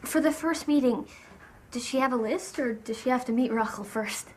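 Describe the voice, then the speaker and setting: An actress playing a curious younger sister who talks in an eager, inquisitive way. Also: female voice, on the high side, moderate pace, darkish tone, slight background noise, lightly acted.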